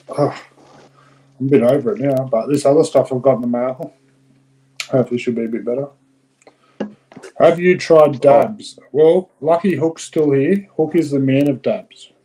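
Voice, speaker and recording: A man's voice: medium pitch, normal speed, pauses often, mellow, slightly rough, low-quality recording. A man chatting casually in a laid-back, sweary way. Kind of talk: casual chat.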